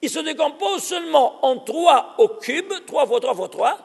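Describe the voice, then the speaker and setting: A man's voice: very high voice, animated, measured pace, creaky, a little mellow, in a large hall. A man, a rabbi, giving a recorded lesson in an emphatic way, firing rhetorical questions at his listeners. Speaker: rabbi teaching a class.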